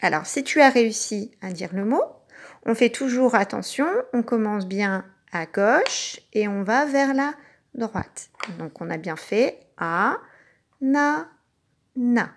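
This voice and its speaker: Slow, lively woman teacher. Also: mid-range voice. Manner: slow, clearly articulated, patient, sounding out syllables. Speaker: kindergarten teacher. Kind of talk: recorded classroom lesson for young children.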